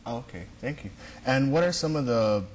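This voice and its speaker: Man, TV news host, formal scripted delivery, mid pitch, faint hiss. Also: expressive, brisk. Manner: formal, reads introductions. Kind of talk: scripted news interview hosting. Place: TV studio.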